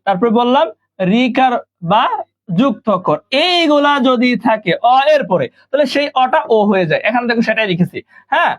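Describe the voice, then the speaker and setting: A man's voice: extremely high pitch, animated, brisk. A man from Bangladesh teaching an online class, patiently repeating each point and quizzing his students. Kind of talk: online live class lesson. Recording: dull lo-fi recording.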